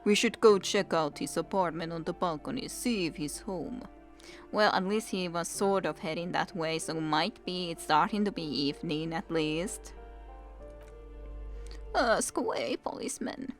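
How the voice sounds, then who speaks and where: A woman's voice: fairly low pitch, moderate pace, soft background music. A woman hosting a let's play, chatting casually as she comments on a video game and reads it aloud.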